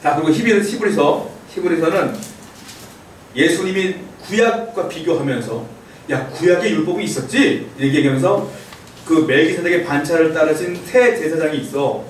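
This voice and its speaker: A middle-aged man preaching in a relaxed, teasing way, slipping into chatty voices as he acts out lines. His voice sits a little high for a man and rings through a very echoey church hall. He is picked up from some distance away. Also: normal speed, a little hiss or hum. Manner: playful, acts out quoted letters in a chatty voice. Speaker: pastor. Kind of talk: casual teaching sermon. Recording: very echoey hall, mic far off.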